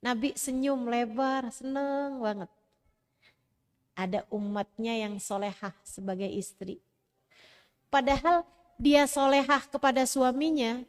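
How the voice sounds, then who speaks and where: A woman preacher giving a sermon, talking to her audience in a lively, conversational way. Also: fairly high pitch, long reverb tail. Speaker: Islamic preacher.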